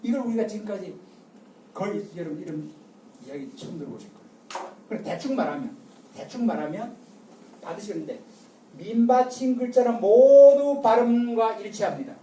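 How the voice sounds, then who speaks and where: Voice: mid-range voice, animated, moderate pace, long pauses, mellow, recorded from a distance, slight background noise. Older lecturer in an echoey room. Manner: drills the audience with call-and-response and repeated rhetorical questions. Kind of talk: public lecture.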